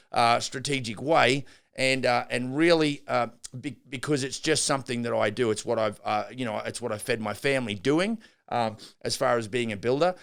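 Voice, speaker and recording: A middle-aged builder hosts a business podcast, rambling off the cuff through restarts and fillers in an unscripted monologue. His medium-pitched voice is gravelly and a bit bright, recorded with a clean tone.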